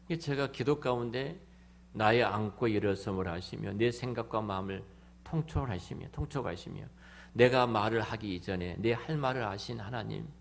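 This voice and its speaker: A middle-aged man preaching a sermon as pastor in a church, emphatic, swinging between loud exclamations and hushed near-whispers, often repeating words and restarting phrases. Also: on the low side, normal speed, vocal fry, a little hiss or hum. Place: church sanctuary.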